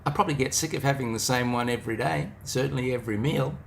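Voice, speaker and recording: A middle-aged New Zealand man gives an informal motivational talk, reflective and speaking directly to the listener. His mid-range voice is fast and creaky, with slight background noise.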